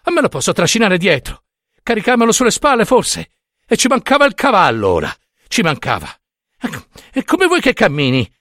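A man's voice: a little high, big pitch swings, moderate pace, long pauses, breathy edge, dry recording, studio quality, voice pushed up, heavily acted. A man voicing a flustered young husband, out of breath and exasperated. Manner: panting, pleading then exasperated.

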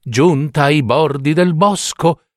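A man narrating a fairy tale in a slow, dramatic, expressive way. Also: a little high, no room sound, clean studio sound. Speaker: storyteller.

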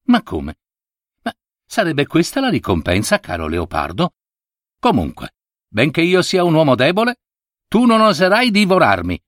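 A man voicing a gentle, frail monk in a fable, earnest and pleading. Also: fairly high pitch, wildly swooping pitch, normal speed, pauses often, dry recording, clean studio sound, pitched above the performer's own voice.

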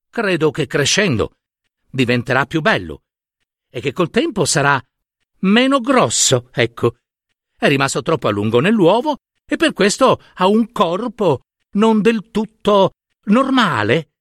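A man putting on a caring mother duck from a storybook, soft and coaxing, in a slightly raised, lively voice. She takes her time, and the sound is close and dry. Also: high voice, slow, pauses often, no room sound, pitched above the performer's own voice, exaggerated voice. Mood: tender. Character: gentle protective mother duck, female.

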